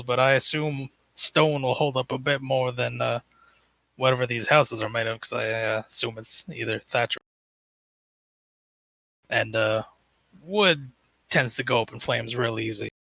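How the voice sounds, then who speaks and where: A man's voice: mid-range voice, fairly even intonation, moderate pace, gravelly, bright, forceful tone, no echo. A man playing a tabletop game, speaking in a hesitant, folksy way with many fillers. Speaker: player.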